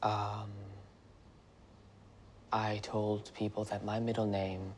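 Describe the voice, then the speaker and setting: A sheepish sitcom son with a lowish voice. He talks very slowly and deadpan, over faint noise. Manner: deadpan, slow. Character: slow, sheepish, disillusioned son in a family sitcom. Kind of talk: sitcom acting.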